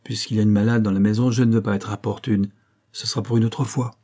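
A man voicing a resolute, cunning young wife who speaks with controlled calm. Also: fairly low pitch, quick pace, lightly acted.

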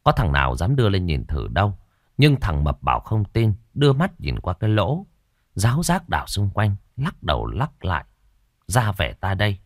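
Man, ghost story narrator, lively pitch, dry close recording. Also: moderate pace, no echo.

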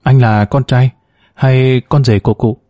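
A man reading the lines of a calm, professional woman doctor in a polite, matter-of-fact way. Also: medium pitch, a little slow, dry recording, studio quality, lightly acted.

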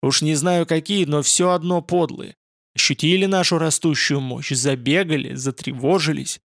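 A man reading as a loud rabble-rousing crowd leader. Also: a little high, steady tone, moderate pace, dry recording, clean studio sound. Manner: shouting, fiery.

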